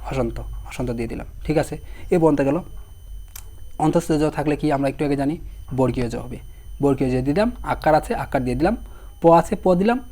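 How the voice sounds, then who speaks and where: A young man with a hoarse voice teaching an online exam-prep lesson, repeating each word slowly while spelling it out and asking his students questions. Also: fairly high pitch, mellow.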